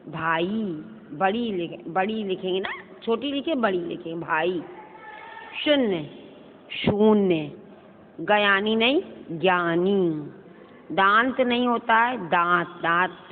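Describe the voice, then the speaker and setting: A woman teacher leads a grammar lesson, reading words in pairs, wrong then right, and asking the class whether they follow. The sound is thin and phone-like, with a long hall reverb and faint noise behind her. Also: mid-range voice. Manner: drills word pairs, wrong then right, with questions to students. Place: school classroom.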